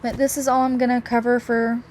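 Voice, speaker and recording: A woman's voice: a little high, little pitch movement, brisk, darkish tone, a little hiss or hum. A young woman giving a student presentation for a class, casual and full of fillers and restarts. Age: young adult. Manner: casual, with many likes and restarts.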